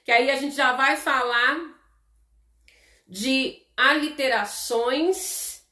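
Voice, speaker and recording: A woman's voice: high-pitched, pushed and bright, echoey room. A Brazilian woman teaching a live online class. She explains patiently and keeps checking in with her viewers. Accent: Brazilian Portuguese. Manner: slow, explanatory, chatty with viewers, many "tá?" checks.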